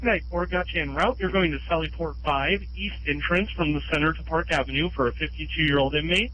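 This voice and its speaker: A man's voice: a little high, brisk, pushed and bright. A man working as a dispatcher on ambulance radio, giving procedural call details and repeating them over a two-way radio. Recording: noisy, muffled ambulance radio with hum.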